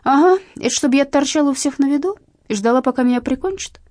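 A woman's voice: sits high, quick pace, darkish tone, no echo, studio quality, voice pushed up, lightly acted. A blunt, defiant young heroine, as a woman reads her. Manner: blunt, rude, irritable. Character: young red-haired heroine, sharp-tongued and defiant. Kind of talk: audiobook narration.

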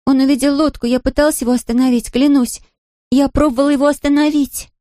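A woman's voice: high-pitched, fairly even intonation, fast talker, mellow, dry recording, studio quality, voice pushed up, lightly acted. A woman voicing a frightened young girl who pleads and insists in a storybook reading. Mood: pleading.

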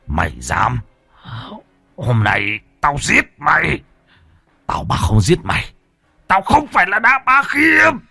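A man's voice: on the high side, huge pitch swings, slow, vocal fry, pauses often, pushed and bright, husky, soft background music, pitched above the performer's own voice, full character voice. A man doing a raging old man. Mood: enraged. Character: old man enraged, threatening murder.

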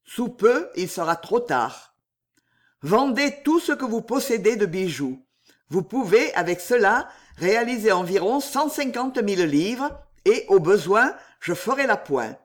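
A reader voicing a mysterious count in an audiobook, speaking in a measured, ominous way as he foretells grim things. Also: mid-range voice, big pitch swings, pitched above the performer's own voice. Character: mysterious count, calm prophet of doom. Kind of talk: audiobook reading.

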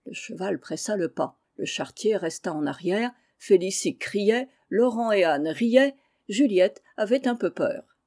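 A mellow woman reading a story. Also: mid-range voice, lively intonation, unhurried. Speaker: reader. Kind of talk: storybook narration.

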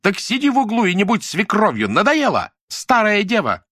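Male reader doing a vain young woman, high shrill shouting, scornful. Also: huge pitch swings, moderate pace, no echo, clean studio sound, full character voice. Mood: shrill, mocking.

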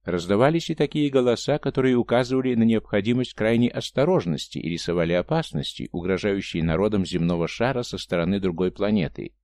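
A man narrating a science fiction novel as an audiobook, in a measured, even storytelling manner. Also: on the low side, no echo.

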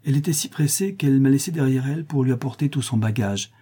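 A man's voice: mid-range voice, fast, mellow, breathy edge, pitched above the performer's own voice, lightly acted. A man reading aloud and voicing a shrewd lady's maid in her late thirties who answers politely and plainly. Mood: matter-of-fact.

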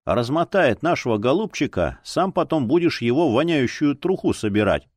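A sharp-tongued older policewoman, put on by a male narrator, scolding and grumbling with dry sarcasm. She nags in a lowered, drawn-out voice, and the audiobook recording is close and dry. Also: very animated, no echo. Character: grumpy older policewoman, former chief.

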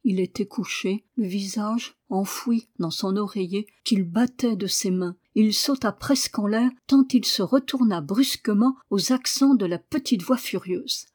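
A woman reading a novel aloud as audiobook narration, measured and expressive. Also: medium pitch. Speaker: audiobook reader. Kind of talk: scripted narration.

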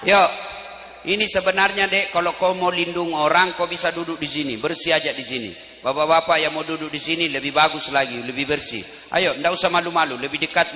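A man's voice: fairly high pitch, pushed and bright, roomy sound, long reverb tail. A man preaching a sermon to an open-air crowd, joking and calling out to the audience. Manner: joking, addresses the crowd directly. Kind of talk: Islamic sermon. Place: open-air field gathering.

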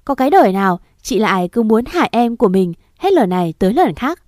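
A harsh father scolds coldly and loudly, as a woman narrator acts him out. The voice stays at a middling pitch, dry and close to the mic. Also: very animated, normal speed, no echo, close to an everyday voice. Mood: angry scolding. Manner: cold, scolding and loud. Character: harsh angry father, middle-aged man.

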